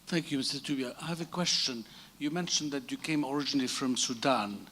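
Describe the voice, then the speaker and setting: A man of medium pitch asks the speaker a polite question from the audience, his words slightly halting. A faint wash of room ambience sits behind him. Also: fairly bright tone, slight background noise. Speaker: audience member asking a question.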